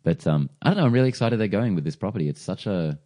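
A man's voice: sits low, animated, very fast, mellow. A man co-hosting a casual movie podcast, talking eagerly about comic films, laughing often and swearing freely. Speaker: podcast co-host. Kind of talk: casual chat.

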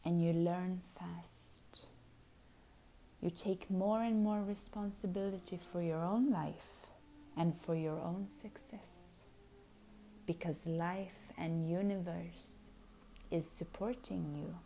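A woman guiding a hypnosis session, speaking softly and soothingly, often slipping into a whisper. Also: on the low side, steady tone, a little hiss or hum, rough recording. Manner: slow, soothing, drifting into soft whispers.

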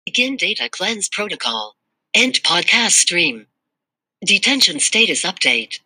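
A performer voicing a malfunctioning robot AI podcast producer in a glitching robot manner, reading out system status alerts and error warnings in a flat synthetic delivery. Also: medium pitch, measured pace, slightly rough, dry recording, full character voice. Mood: alarmed, mechanical. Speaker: stand-in podcast host. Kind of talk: comedic scripted monologue.

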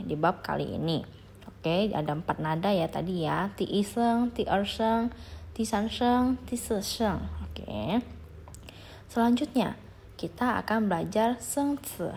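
Her voice is on the low side and a little mellow, and a slight hiss or hum can be heard. This young adult woman patiently teaches beginners a language, repeating drills and inviting listeners to follow along.

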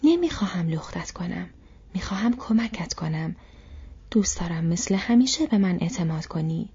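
A woman voicing an old male wizard, stern and patient, who speaks in a low, measured, half-whispered way. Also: expressive, warm tone, husky, heavily acted. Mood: stern, grave. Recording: dull lo-fi recording.

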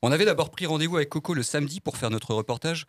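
A man narrates a scripted comic report in a wry, playful voice. His pitch is mid-range. The sound is dry and close. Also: racing, dry recording. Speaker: co-host narrator.

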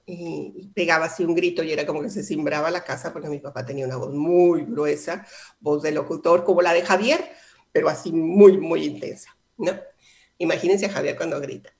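A woman's voice: fairly low pitch, vocal fry. A middle-aged woman hosts a motivational radio talk, telling stories and speaking straight to her listeners. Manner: warm storytelling, addresses listeners directly. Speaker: host, life coach.

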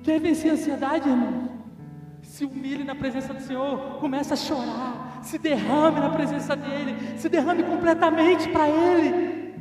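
A high-pitched man in his forties preaches with rising passion, dropping to a hush and then swelling loud. He is heard from a distance in a long, echoing hall. Instrumental music plays behind him. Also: steady tone, normal speed. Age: 40s. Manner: impassioned preaching, swings from soft to loud. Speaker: pastor. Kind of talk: sermon.

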